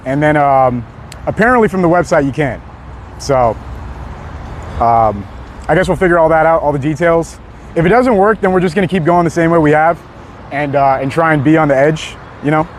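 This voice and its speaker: Young guy live streaming outside on a city street, slightly higher voice, chill and laughing a lot, faint traffic noise. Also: brisk. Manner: laid-back, laughs often, reads chat aloud. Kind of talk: casual live-stream chat.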